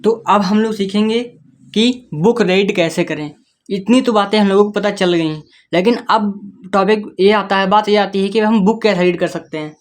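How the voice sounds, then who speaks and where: A man's voice: sits high, normal speed. A man teaching beginners to read, going letter by letter and checking in with the listener. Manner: patient, spells words letter by letter, keeps checking in with the listener. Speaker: English reading teacher. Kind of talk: step-by-step spoken lesson.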